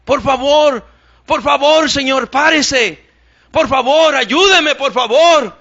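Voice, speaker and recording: A male preacher voicing a frantic woman who begs for help, his voice pushed high and loud. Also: sing-song, extremely slow, heavily acted. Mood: desperate pleading. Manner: high cries, pleading. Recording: dull lo-fi church recording.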